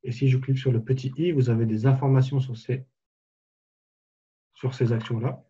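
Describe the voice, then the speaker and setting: Man, software trainer, very dark voice, husky, casual step-by-step explaining, dull lo-fi webinar audio. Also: mid-range voice, fairly even intonation, moderate pace. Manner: casual, explanatory, walks through steps on screen. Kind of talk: live software tutorial webinar.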